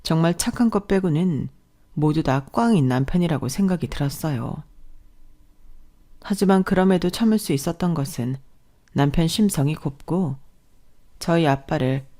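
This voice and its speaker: A woman narrates her own family drama in the first person. She keeps a calm, level and confiding tone, as if telling a friend. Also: sits low, moderate pace. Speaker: storyteller.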